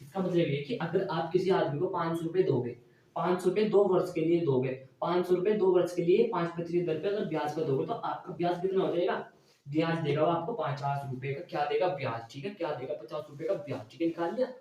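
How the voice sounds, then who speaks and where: A male math teacher lecturing in a classroom style, asking his students questions and answering them himself, often checking with a quick "okay". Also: a little high, dark tone, dull audio. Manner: repeats "theek hai" as a check. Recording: very echoey room, mic far away.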